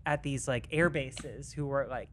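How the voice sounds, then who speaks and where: A podcast co-host chatting casually, tossing out quick jokes and silly bits. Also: mid-range voice, a little hiss or hum. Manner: quick riffs, playful silly voices. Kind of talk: casual comedic chat.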